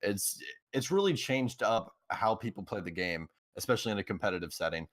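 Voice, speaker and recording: A man's voice: on the low side, lively intonation, a little fast, fairly bright tone, no room sound. A man co-casting a live esports final, enthusiastic and a bit rambling with lots of "uh"s. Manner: enthusiastic, rambling, filler-heavy. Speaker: esports co-caster.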